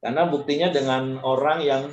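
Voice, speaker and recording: A male pastor giving an animated sermon talk, acting out quoted people in changing voices. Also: medium pitch, fairly quick, echoey room, lo-fi sound.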